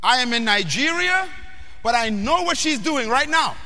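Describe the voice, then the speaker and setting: High, bright preacher shouting. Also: male voice, lively intonation, moderate pace. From Bahamas. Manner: emphatic, questioning the audience, often shouting. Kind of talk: sermon. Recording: long hall reverb.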